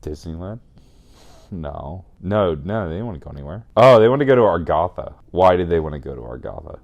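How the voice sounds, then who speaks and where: A low-pitched, expressive man speaks a little fast on a recording with the highs cut off. Very drunk and burping, he hosts a rambling, comic, profanity-laced retelling of a video game story, emphatic throughout and often correcting himself after losing track.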